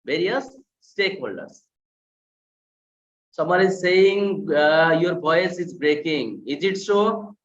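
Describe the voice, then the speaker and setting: A man's voice: on the high side, lively intonation, takes it slowly, fairly bright tone, echoey room, far from the mic, lo-fi sound, a little hiss or hum. A man teaching an online class, explaining with rhetorical questions and repeating key phrases. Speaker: lecturer. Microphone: video call.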